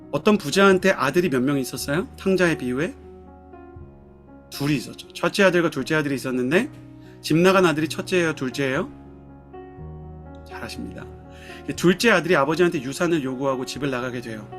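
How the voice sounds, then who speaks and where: Earnest male pastor over soft guitar. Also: a little high. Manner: earnest storytelling, asks the listeners questions. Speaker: pastor of a young adult group. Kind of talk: sermon over video call. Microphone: video call microphone.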